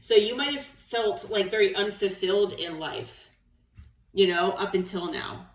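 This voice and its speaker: A woman gives her viewers a tarot reading, gentle, encouraging and reassuring, checking in often with "okay?" Her mid-range voice moves at a measured pace, and the sound is roomy, with the mic some distance off.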